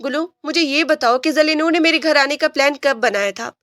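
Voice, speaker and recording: Storybook read: a woman plays a domineering male police officer, scornful and harsh, in a high, dry voice. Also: fairly bright tone, no echo. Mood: harsh, commanding. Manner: barking, scornful.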